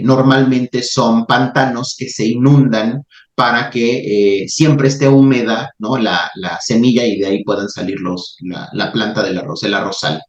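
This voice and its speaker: Calm reflective man. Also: mid-range voice. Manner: calm, reflective, halting with restarts. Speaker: podcast host. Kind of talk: reflective spiritual talk and storytelling. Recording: roomy, slightly muffled recording.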